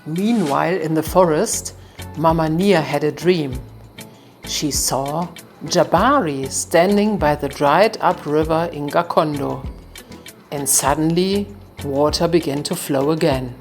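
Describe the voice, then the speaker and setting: A woman narrating a folktale in a calm, measured storytelling manner. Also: deep voice, soft background music.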